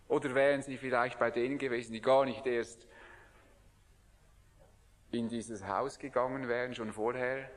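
Slow earnest preacher in a reverberant hall. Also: male voice, medium pitch, gravelly. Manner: earnest, dropping to a hushed voice at times. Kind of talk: sermon.

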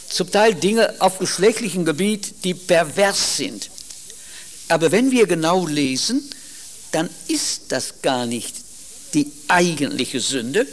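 Slow, lively-pitched German preacher. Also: male voice. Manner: emphatic, stresses single words, slow deliberate delivery; quotes scripture verses aloud. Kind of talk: sermon.

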